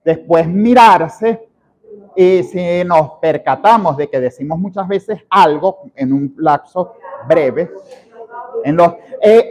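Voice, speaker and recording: Animated high-voiced male lecturer. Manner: animated, imitates filler words, shifts volume for emphasis. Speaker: professor teaching public speaking. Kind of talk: lively classroom lecture.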